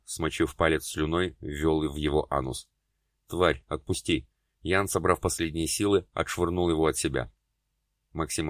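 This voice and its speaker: A man narrating an audiobook in a steady, even reading. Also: deep voice, no echo, studio quality. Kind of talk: scripted narration.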